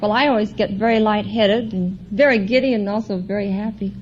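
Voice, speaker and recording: A woman's voice: mid-range voice, steady tone, a little fast. A woman giving short, simple answers as a contestant on an old radio show. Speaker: contestant, deep sea diver. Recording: dull, hissy vintage radio recording.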